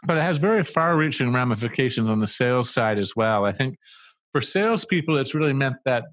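This interview guest, a middle-aged marketing agency co-founder, has a medium-pitched, expressive, slightly bright voice and talks a little fast. Working through his ideas in a thoughtful, conversational way, he restarts and drifts into asides. He's on a boom-arm studio mic with headphones in a small room, and there's no echo.

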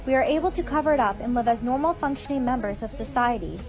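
A woman voicing a calm adult woman who reassures a frightened girl in a short skit, speaking in a soothing way. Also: fairly high pitch, fast talker, faint music behind, close to an everyday voice. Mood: reassuring.

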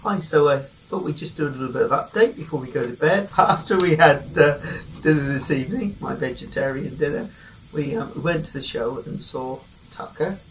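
A man's voice: on the high side, a little fast, a little hiss or hum. A middle-aged man vlogging on a cruise ship, chatting with humor to a handheld camera in the dining room and bar. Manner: jokey, chuckling, talking straight to camera. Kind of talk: casual vlog chat. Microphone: handheld camera at arm's length.

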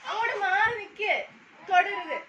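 In a home skit, a woman with a very high, piping voice plays a mother, coaxing and scolding small children in sing-song baby talk. She sounds far from the mic in an echoey room with clear household noise, speaking at a moderate pace on a muffled recording.

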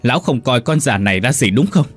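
A man's voice: medium pitch, animated, fast, breathy edge, faint music behind. A man voicing a furious, violent older woman who screams insults in a dramatic audiobook telling.

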